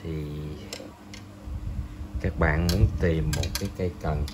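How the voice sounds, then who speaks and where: Man, unhurried, hesitant, product review, noisy recording. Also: very deep voice, steady tone. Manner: slow, hesitant, many pauses and fillers. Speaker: fishing gear reviewer.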